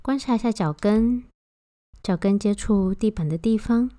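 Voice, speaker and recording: A woman guiding a body-scan meditation, giving gentle, unhurried instructions with long pauses between phrases. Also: medium pitch, no echo, clean studio sound. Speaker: meditation guide.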